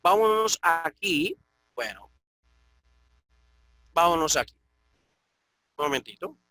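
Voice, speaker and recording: Male teacher from the Dominican Republic, patient explainer on an online call, crisp bright delivery, dry sound. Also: on the high side, big pitch swings, slow pace, no room sound, low-quality recording. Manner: patient, explanatory, often checks with "ok?". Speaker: Koine Greek teacher. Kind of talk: online class lecture. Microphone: computer mic on an online call.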